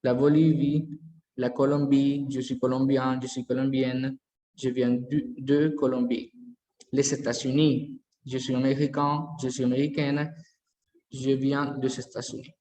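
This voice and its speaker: A man teaching a language lesson, slowly repeating each word form aloud as he explains it. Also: mid-range voice, level tone, mellow. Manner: slow, careful, repeats word forms aloud. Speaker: French teacher. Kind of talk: bilingual classroom lesson. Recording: echoey hall.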